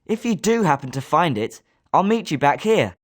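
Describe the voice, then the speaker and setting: A man voices a British schoolboy wizard student in a video game, delivering scripted lines expressively at a moderate pace. His voice sits on the high side and is very animated. The character is friendly and polite, though sometimes sneering.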